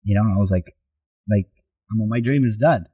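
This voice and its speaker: A Mexican soccer coach, appearing as a podcast guest, recounts his life story in conversation, animatedly acting out the dialogue he remembers. His voice is fairly low and breathy-edged, at a moderate pace, and the audio sounds dull.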